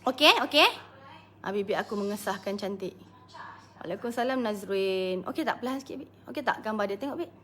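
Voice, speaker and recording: A woman's voice: medium pitch, brisk, fairly bright tone. A Malaysian woman business coach chatting casually on a live stream, greeting viewers by name and laughing often.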